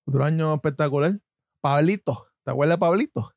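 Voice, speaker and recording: Joking Puerto Rican man, high-ish voice. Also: brisk, darkish tone, no echo. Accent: Puerto Rican Spanish. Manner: joking, mocking, laughs often. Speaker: podcast co-host. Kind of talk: casual banter.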